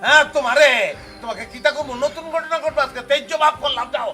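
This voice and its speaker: A man playing an indignant young son defending his mother, scolding fast. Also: extremely high pitch, pushed and bright, soft background music. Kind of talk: comedy skit acting.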